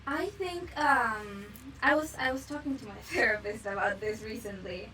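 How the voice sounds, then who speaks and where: A woman's voice: fairly high pitch, normal speed, pushed and bright, slight background noise, poor audio. A young woman from Mexico with a Mexican accent, a guest chatting casually in an interview with many fillers. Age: young adult. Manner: chatty, with frequent fillers and laughs.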